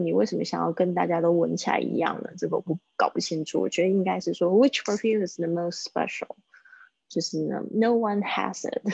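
A woman with a low, gravelly and husky voice teaches English in a live-streamed lesson. She chats along and slowly repeats phrases for her listeners to practice. The sound is dry and somewhat dull. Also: a little mellow, no room sound.

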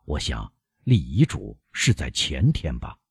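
A man's voice: a bass voice, very animated, vocal fry, breathy edge, no room sound, voice pushed down, full character voice. A man doing a cold, relentless doctor. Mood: stern. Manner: cold, measured, insistent. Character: stern older male doctor, relentless accuser. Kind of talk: audiobook character reading.

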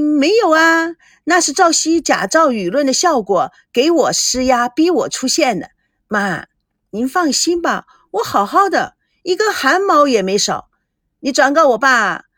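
A woman voicing a sharp-tongued, jealous young wife who needles and teases in a radio story. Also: sits high, animated, a little slow, dry recording, clean studio sound, pitched above the performer's own voice. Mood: reassuring. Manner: teasing, needling.

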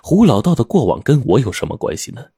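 A man narrating a novel in the first person with expressive storytelling. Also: mid-range voice, quick pace, breathy edge, dry recording, studio quality. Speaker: audiobook narrator.

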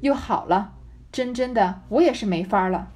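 A woman's voice: mid-range voice, normal speed, darkish tone, close to an everyday voice. A woman voicing an exasperated young nobleman who scolds his wife wearily in a storybook reading. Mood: resigned. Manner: reproachful, weary.

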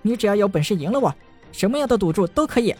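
A proud young sorceress who is beside herself with rage, her voice pushed high and shrill, as a male narrator puts her on. She hurls threats in quick, seething bursts, a storybook heroine with a fierce temper. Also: faint music behind. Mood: furious. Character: proud furious young female genius mage.

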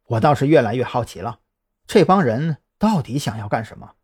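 A cool-headed young investigator, as a man reads him aloud in an audiobook story. He talks low and measured, deciding things quietly, in a husky voice that rises and falls with lively pitch.

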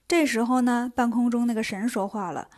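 A woman's voice: on the high side, fairly even intonation, brisk, a little mellow. A woman telling a story in a chatty, colloquial way. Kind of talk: lively storybook narration.

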